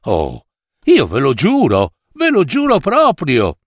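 A man's voice: fairly high pitch, huge pitch swings, slow, no echo, clean studio sound, exaggerated voice. A man voicing an earnest young prince in a fairy tale reading, speaking with wonder.

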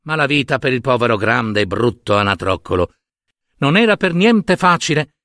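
A man reading a children's story aloud in a slow, expressive way. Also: medium pitch, no room sound, studio quality. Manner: slow, expressive, lively narration.

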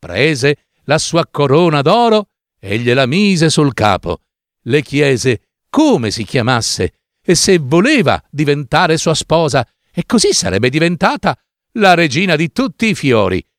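Male storybook narrator, expressive and lingering, dry studio sound. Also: a little high, unhurried, no room sound. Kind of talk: storybook reading.

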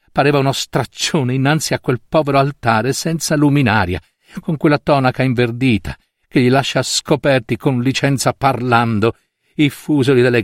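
A man's voice: on the high side, no echo, clean studio sound, natural voice. A man voicing an elderly devout aunt who laments and exclaims with pleading questions.

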